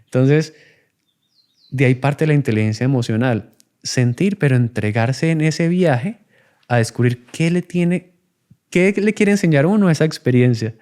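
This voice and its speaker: A man's voice: medium pitch, moderate pace, a little mellow. A man, talking in a reflective, conversational way as a podcast guest, acting out children and parents in his examples. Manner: acts out child and adult voices in examples.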